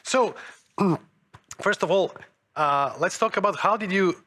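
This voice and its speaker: A middle-aged Croatian man moderating a live panel on an event stage, chatty and quick, with false starts. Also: fairly high pitch, a bit bright, no echo.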